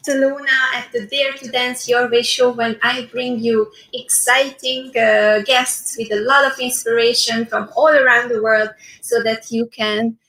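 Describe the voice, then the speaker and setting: A woman hosting an online interview show, chatty and quick to laugh. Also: fairly high pitch, level tone, fairly bright tone. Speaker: host.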